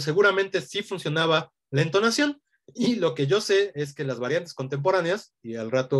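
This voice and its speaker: A man teaching an online language lesson, explaining patiently and often checking in with a questioning tag. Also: on the high side.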